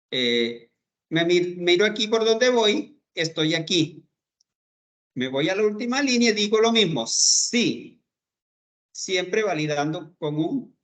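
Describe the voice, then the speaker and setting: A man's voice: sits high, fairly bright tone. A man teaching a programming class, talking through code step by step and checking in with his students as he goes. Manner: slow, step-by-step explaining, checks in with "¿verdad?". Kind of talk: screen-recorded coding lesson.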